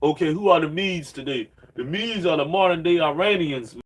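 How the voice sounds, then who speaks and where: Reading scripture in an informal preaching monologue, a slangy man in his late thirties rambles along, leaning on "man" and "you know what I'm saying." He sounds a little high and husky at a moderate pace, and the audio is poor.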